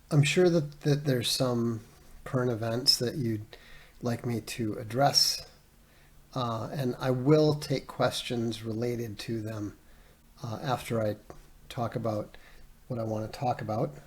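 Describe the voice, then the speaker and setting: A male livestream host talks at a casual, rambling pace, stopping often on fillers and restarting his sentences. His voice has a gravelly, creaky edge with a husky, slightly rough texture. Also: mid-range voice, darkish tone. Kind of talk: casual solo livestream talk.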